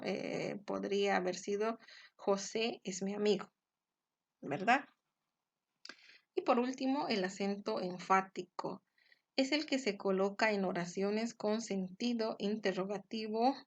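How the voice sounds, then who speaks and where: A woman's voice: mid-range voice, measured pace, gravelly. A woman teacher from Peru giving a grammar lesson, explaining patiently, stressing example words and checking in with short tag questions.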